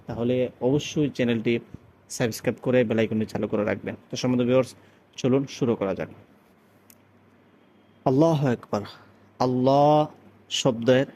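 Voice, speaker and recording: A man from Bangladesh teaching how to pronounce the call to prayer, explaining patiently and stopping often to chant long, drawn-out example phrases. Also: mid-range voice, a little mellow. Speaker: azan teacher. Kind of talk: recitation lesson with chanted demonstrations.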